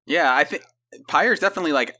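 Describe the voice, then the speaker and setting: A man's voice: on the high side, lively intonation, quick pace, pushed and bright. A man speaking casually as a guest on a podcast. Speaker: podcast guest, video game consultant. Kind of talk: casual chat.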